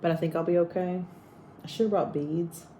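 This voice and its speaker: A woman's voice: lowish voice, fairly even intonation, brisk, mellow, a little hiss or hum. A woman vlogging in casual chat, rambling and teasing as she talks about her day. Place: hotel room abroad.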